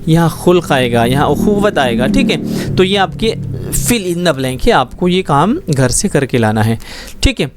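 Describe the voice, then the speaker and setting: A man's voice: a little high, big pitch swings, faint music behind. A man teaching a schoolbook Urdu lesson, explaining words patiently and often checking that students follow. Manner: patient, explains slowly with frequent check-ins.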